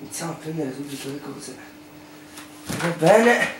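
A young man with a slightly high voice hosts a casual challenge vlog, talking playfully to the viewers. He is picked up by a distant camera mic in a roomy, echoing kitchen with noticeable background noise. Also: expressive, moderate pace. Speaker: challenge host. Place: home kitchen. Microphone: camera microphone across the room.

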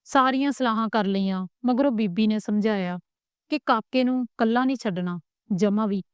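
A woman with a Punjabi accent narrating a family story in a steady, plain storybook reading. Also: on the high side, normal speed, smooth, no echo.

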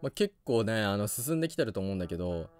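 A man giving let's play commentary on a video game, reacting loudly and laughing often. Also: fairly low pitch, big pitch swings, fast, faint music behind. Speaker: gaming YouTuber.

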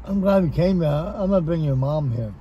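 A man's voice: on the high side, lively intonation, a little fast, highs cut off, slight background noise. An older man, a father co-hosting a food review and chatting easygoing while eating in a parked car, picked up by a dashboard camera. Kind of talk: casual chat in a car.

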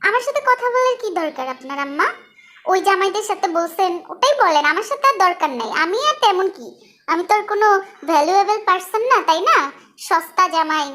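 A woman's voice: extremely high pitch, expressive, brisk, pushed and bright, full character voice. A woman doing a sulky touchy son-in-law. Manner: sulky, sarcastic. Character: sulky touchy young husband, self-pitying.

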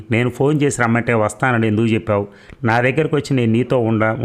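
A man's voice: fairly low pitch, lightly acted. A man reading as an angry betrayed young husband. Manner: accusing, emotional.

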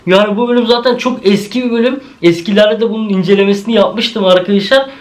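High-voiced excitable man reacting. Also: fast talker, poor audio. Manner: excitable, jumpy, swears often, addresses viewers directly. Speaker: YouTuber. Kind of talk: horror video reaction commentary.

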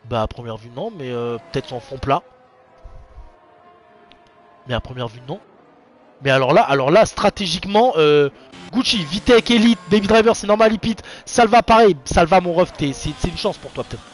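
A young man calls an online racing league live, his high voice swinging up and down in lively bursts. He is excitable and chatty, and he speaks informally and directly to his viewers. Soft music plays behind him. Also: moderate pace. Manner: excitable, chatty, talks straight to viewers, slangy. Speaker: race commentator and streamer. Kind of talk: casual live esports race commentary.

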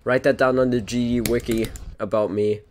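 A man on voice chat with a streamer, needling her in a dry, deadpan way. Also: medium pitch, moderate pace. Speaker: friend on voice chat. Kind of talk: casual gaming chat. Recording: noisy voice chat line.

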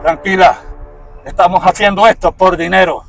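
A man playing a rough kidnapper. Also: high-pitched, steady tone, moderate pace, a bit bright, slight background noise. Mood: mocking. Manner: barking orders, taunting. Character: rough male kidnapper, bossy and mocking. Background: background music.

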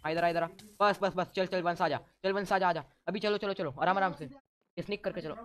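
A man giving excited let's-play commentary as a gaming YouTuber, teasing and ordering his teammates around. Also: high voice, brisk, a little hiss or hum.

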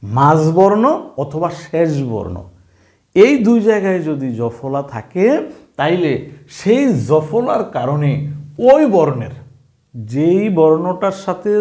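This Bengali teacher's voice is fairly high and warm as he runs an online pronunciation and spelling class. He repeats sounds and rules over and over, questioning the listener to make sure they keep up.

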